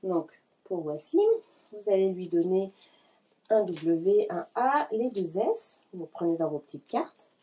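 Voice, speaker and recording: Calm, husky-voiced woman explaining a tutorial. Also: fairly low pitch, slow pace. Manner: calm, explanatory, addresses parents directly. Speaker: early-learning educator. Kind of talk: hands-on tutorial for parents.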